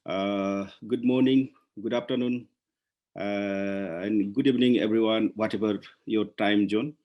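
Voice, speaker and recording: Low-voiced man speaking haltingly. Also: steady tone, highs cut off. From Nepal. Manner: halting, many pauses and restarts. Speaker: guest speaker. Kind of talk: virtual meeting remarks. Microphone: video call.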